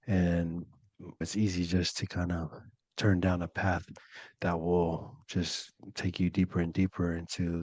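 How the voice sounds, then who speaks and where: A young Polynesian man from California, co-hosting a podcast in a relaxed, slangy and earnest way. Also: low-pitched, no room sound. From Polynesian, living in California. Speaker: podcast co-host. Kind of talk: casual podcast talk.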